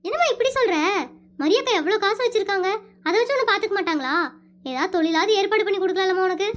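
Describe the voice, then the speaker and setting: A performer voicing a chatty, caring village woman in an animated comedy who exclaims and keeps calling the other woman "akka". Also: very high voice, fast talker. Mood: concerned.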